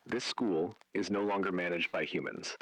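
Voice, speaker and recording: A man plays an ominous agent narrating an interactive horror warning, delivering a second-person script in a grave, deliberate, foreboding way. His voice is low and a bit bright, and the recording quality is poor.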